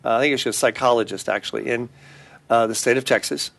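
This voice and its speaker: This middle-aged attorney, who has a Californian accent, talks fast in a medium-pitched, creaky, slightly bright voice. Appearing earnestly on a talk show, he makes announcements, repeats his web address, and tells a case story marked by many restarts.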